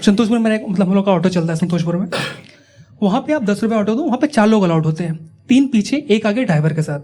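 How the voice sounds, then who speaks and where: Expressive, fast and high-pitched, with a dark tone, this young comedian from Uttar Pradesh, India, is doing stand-up storytelling on a club stage. He chats, teases listeners and plays out the characters, while the live audience laughs along.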